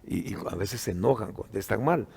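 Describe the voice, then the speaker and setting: A man's voice: lowish voice, animated, fairly quick, gravelly, darkish tone, a little hiss or hum. A middle-aged man with a Guatemalan accent, a pastor telling a testimony in an earnest conversational teaching style, with many fillers.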